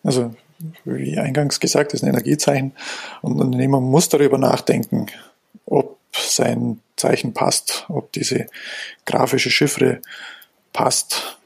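Man, gravelly voice, husky tone, measured and reflective, designer guest on a podcast. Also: medium pitch, flat delivery. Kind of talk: podcast interview answers.

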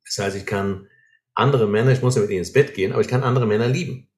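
An earnest man talks through his ideas as if teaching, with a fairly low voice. He keeps checking in with short questions to make sure the listener follows. The sound is roomy, with a clear echo around him. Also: racing, a little mellow. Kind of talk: explaining, teaching conversation.

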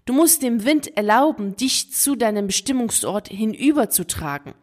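A woman's voice: fairly high pitch, lively intonation, normal speed, a little mellow. Mysterious desert voice, read by a woman. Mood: calm, knowing. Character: mysterious whispering desert voice, calm and wise.

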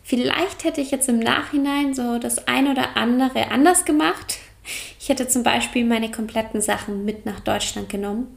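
A young woman hosting a yoga and mental health podcast, talking calmly and personally, straight to the listener. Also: on the high side, normal speed, vocal fry. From Germany. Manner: calm, personal, speaks directly to the listener. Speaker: podcast host, yoga coach. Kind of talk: reflective solo podcast talk.

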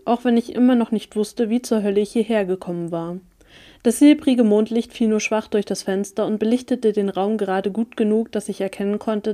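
A woman narrating a first-person story in an even, calm reading voice. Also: mid-range voice. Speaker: audiobook reader.

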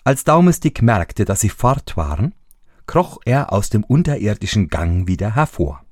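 A man reading a fairy tale aloud as narrator, slow and very expressive. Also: lowish voice, no room sound, studio quality.

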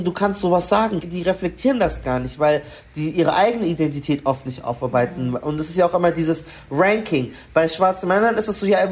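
A woman's voice: sits low, a little mellow, slight background noise. Frank woman telling stories. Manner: frank storytelling, frequent restarts. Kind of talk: casual discussion.

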